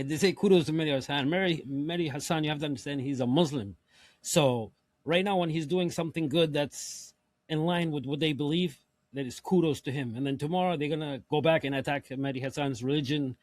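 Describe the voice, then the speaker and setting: A man's voice: a little high, fairly quick, no echo. A man hosting a reaction show, commenting on clips with emphatic, repetitive phrasing. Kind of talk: casual commentary.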